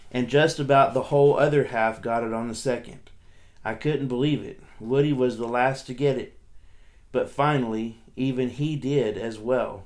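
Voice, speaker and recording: A man, a teacher, reading a novel aloud to his students in a steady, plain storytelling manner with small restarts. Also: medium pitch.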